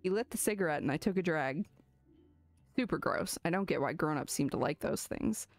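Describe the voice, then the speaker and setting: A woman's voice: deep voice, animated, a little fast. Woman playing a chatty young pig girl. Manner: chatty, rambling.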